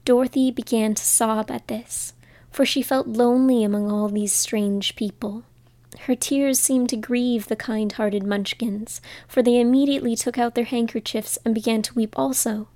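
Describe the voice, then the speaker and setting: Woman storyteller, calm measured reading, mellow tone, dry close sound. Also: fairly high pitch, no echo. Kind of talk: storybook reading aloud, partly whispered.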